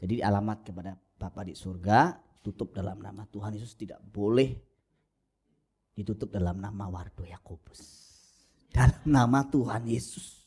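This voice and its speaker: A man preaching a sermon as pastor, animated and jokey, with mimicry and sudden soft asides, on a lo-fi church recording. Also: moderate pace, husky. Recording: lo-fi low-bitrate church recording.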